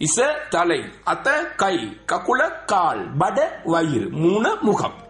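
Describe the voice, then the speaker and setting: A man teaching a spoken language lesson to schoolchildren, drilling word lists slowly and repeating them. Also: high-pitched, sing-song, fairly bright tone. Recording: echoey room with faint music.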